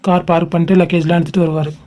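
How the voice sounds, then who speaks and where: A woman speaking in a brisk, matter-of-fact way in an amateur audio drama. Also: on the low side, little pitch movement, dark tone. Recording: dull lo-fi recording.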